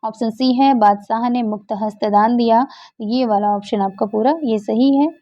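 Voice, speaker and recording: A woman's voice: on the high side, steady tone, normal speed. A woman teacher walking through exam questions, asking and then answering her own questions. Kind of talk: exam-prep lesson explaining answers. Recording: dull lo-fi recording.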